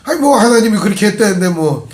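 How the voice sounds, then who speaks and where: Brief: pastor putting on a noncommittal Chungcheong country man, shrugging and vague, a bit higher, echoey hall. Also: animated, fast talker. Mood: evasive. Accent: Chungcheong Korean. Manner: shrugging, evasive, lukewarm.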